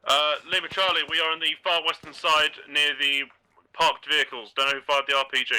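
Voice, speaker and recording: Very bright, quick man giving contact reports. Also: a little high, little pitch movement, smooth, low-quality recording. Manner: clipped, procedural. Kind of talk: military radio-style callouts in gaming voice chat. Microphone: gaming voice chat.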